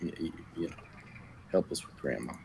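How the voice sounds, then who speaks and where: Brief: deep-voiced male tabletop player, hesitant and rambling. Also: normal speed, gravelly, warm tone, slight background noise, low-quality recording. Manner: hesitant, full of fillers. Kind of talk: playing a tabletop game.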